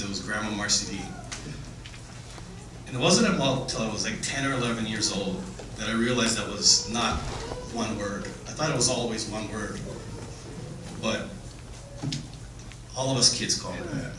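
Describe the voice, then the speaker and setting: A middle-aged man giving an informal, tender family eulogy in a halting, faltering way, telling simple anecdotes. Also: fairly low pitch. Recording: echoey room, distant mic, clear background noise.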